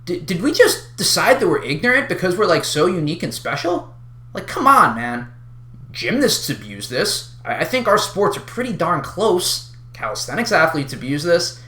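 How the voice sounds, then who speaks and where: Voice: mid-range voice, sing-song, moderate pace, a bit bright, roomy sound. Someone on an exasperated, wild rant straight to the listener, casual, sweary and sarcastically emphatic, in an unscripted video. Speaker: online video creator addressing a community.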